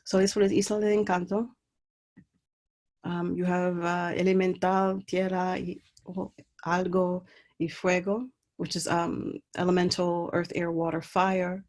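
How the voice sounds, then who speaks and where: Her voice sits on the low side, a little mellow, with a level tone and measured pace. She's a Puerto Rican artist showing slides of her work in an online talk, hesitating often with ums and restarts, heard through a computer mic on a video call.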